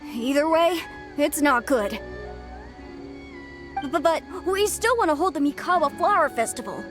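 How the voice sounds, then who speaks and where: A woman's voice: high-pitched, expressive, measured pace. A woman voicing an eager but nervous young female yokai in a video game dub, polite and hesitant. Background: game soundtrack music.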